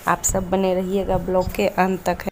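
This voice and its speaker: A woman chatting in a casual home vlog, often pausing to search for the right word. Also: lowish voice, monotone, a little hiss or hum. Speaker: home vlogger. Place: home in an Indian village.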